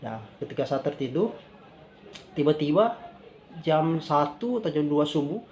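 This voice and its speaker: Man, 30s, earnest testimony speaker with a slightly raised pitch, light background noise. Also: moderate pace. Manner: repeats "dear brothers and sisters in the Lord", gets animated retelling the scare. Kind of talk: personal faith testimony.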